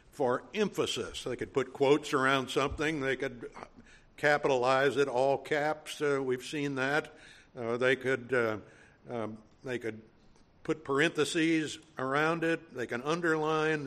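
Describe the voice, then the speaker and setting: A man with a Cajun accent preaching a sermon, teaching in a measured way and driving points home through repetition. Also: mid-range voice, fairly bright tone. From Louisiana.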